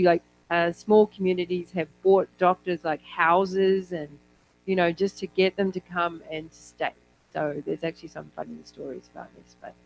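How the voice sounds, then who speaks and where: A New Zealand man, an academic in health policy, gives an informal conference talk in a conversational style full of digressions. His voice is slightly high, and the recording is rough.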